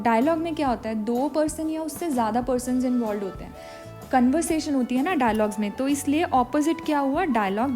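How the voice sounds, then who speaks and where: A woman's voice: high-pitched, warm tone. A woman teaching an exam vocabulary lesson. She explains step by step, spells words out letter by letter and asks and answers her own questions.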